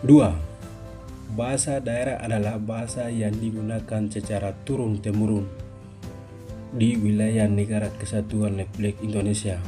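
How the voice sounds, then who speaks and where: A young man, a university student, giving a steady formal reading of a regulation for a class video. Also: on the low side, moderate pace, music in the background.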